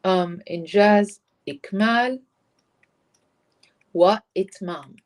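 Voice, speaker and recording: A woman's voice: mid-range voice, takes it slowly. A woman teaching a live online Arabic class, explaining grammar patiently and switching between English and Arabic. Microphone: computer mic on a live stream.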